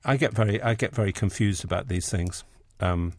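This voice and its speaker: Speaking with an English accent, this man from England is in his sixties and is a poet and editor guesting on a laid-back radio interview. His deep voice moves briskly through talk of books and poetry, with many ums and false starts, on a dry recording.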